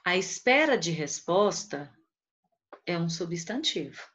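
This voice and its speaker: A woman teacher giving a poetry lesson, counting out the syllables of each verse slowly and one by one. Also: fairly low pitch, very animated, fairly bright tone. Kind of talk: online class on poetry. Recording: dull lo-fi recording.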